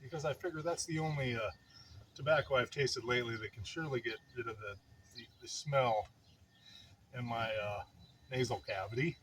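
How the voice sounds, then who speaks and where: A grandfatherly older man chats casually, slightly out of breath, as if settling in to tell a long story. His delivery rambles, with wry, mock-dramatic self-pity. He is recorded outdoors, with clear background noise and birdsong around him. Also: mid-range voice, moderate pace, fairly bright tone. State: somewhat breathless. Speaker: vlogger telling a personal story. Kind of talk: casual fireside chat monologue.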